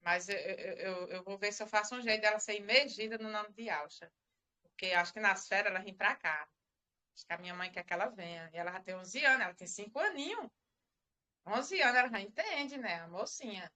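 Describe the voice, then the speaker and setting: A middle-aged church member shares a religious testimony on a live stream, her medium-pitched voice fairly quick and sharp. She rambles and repeats herself as the story unfolds.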